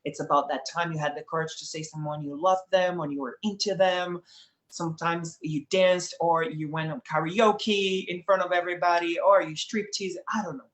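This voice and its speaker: Steady and moderately paced, this young Brazilian man's voice is on the high side and fairly bright, recorded in a roomy space. He's a guest in a casual conversation, speaking earnestly and reflectively with a Brazilian Portuguese accent and laughing often.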